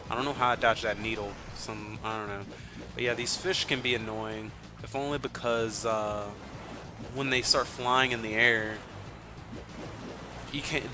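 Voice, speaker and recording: A man from Texas narrating his gameplay in a loose, rambling way, full of ums and casual swearing. His voice sits at an ordinary middle pitch. Clear game music plays behind him the whole time. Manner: rambling and profane, with many fillers. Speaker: let's play host.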